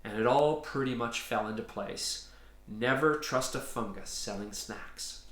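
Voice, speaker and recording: Reading at a measured pace, a man who is both author and storyteller presents a children's story in a medium-pitched, somewhat bright voice. After an easygoing introduction he reads with animation, and the room adds a noticeable echo.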